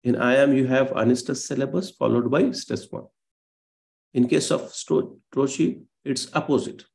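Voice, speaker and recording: Gravelly man lecturing online. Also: mid-range voice, darkish tone. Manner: explains patiently, many fillers and self-corrections.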